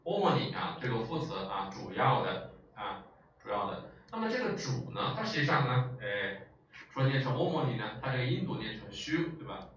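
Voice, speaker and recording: A man's medium-pitched voice swings widely in pitch at a moderate pace, with a fairly bright tone and lo-fi sound. He lectures on a language in a classroom setting, explaining patiently, using many fillers, and checking in often. Echoey room, distant mic, faint noise.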